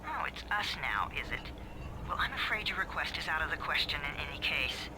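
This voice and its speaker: An actor playing a cold, sardonic agency handler in a video game, formal and condescending, heard through a walkie-talkie. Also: male voice, a little high, big pitch swings, brisk. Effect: two-way radio, thin walkie-talkie sound. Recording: noisy, telephone-like radio transmission.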